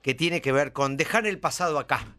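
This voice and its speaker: A man's voice: fairly high pitch, a little fast, bright, forceful tone. A man with a Rioplatense Spanish accent, a radio columnist joking in a mock-serious, sarcastic way in a studio. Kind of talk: comic radio banter. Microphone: studio microphone.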